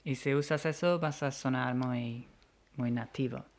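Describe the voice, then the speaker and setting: A woman's voice: a bass voice, fairly even intonation, measured pace, darkish tone. A British woman, a native English speaker, teaching English phrases in Spanish and patiently repeating each one. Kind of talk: bilingual language lesson.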